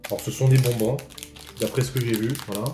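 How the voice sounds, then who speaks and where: A man's voice: mid-range voice, fairly even intonation, fast, over music. A man from France chatting casually as he taste-tests snacks for a vlog, swearing offhand and thinking aloud as he eats. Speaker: vlogger reviewing snacks. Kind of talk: casual food tasting vlog. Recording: roomy echo, faint background ambience.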